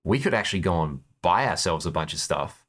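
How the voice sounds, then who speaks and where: With a deep, slightly bright voice and lively intonation, this man talks fairly quickly in an Australian accent. He's a Perth guitarist from a touring band, chatting as an interview guest and telling stories about what he's been through.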